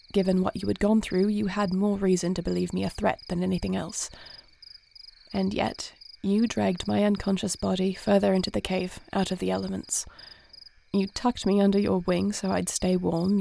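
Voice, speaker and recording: A woman playing a composed, gentle warrior princess and dragon shifter in an intimate fantasy audio roleplay, speaking formally and with measured care. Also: medium pitch, gravelly, a little hiss or hum.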